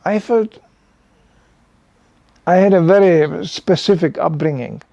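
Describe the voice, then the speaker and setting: Older guy giving a chatty sermon, says you know a lot, kinda high but mellow voice, dry sound. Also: takes it slowly, gravelly, no echo, muffled recording. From Czechoslovakia. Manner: conversational, animated, frequent "you know". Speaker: preacher. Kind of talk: sermon to a small gathering.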